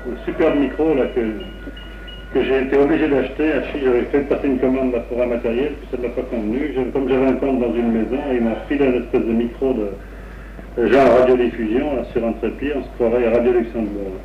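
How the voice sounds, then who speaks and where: Sitting about a metre from a crystal broadcast-style microphone at his home radio station, a male radio amateur rambles on air about his equipment. His tone is steady and medium-pitched, broken by many pauses and hesitations as he gets technical. The 1960s AM recording sounds roomy, distant, and dull, with slight background noise.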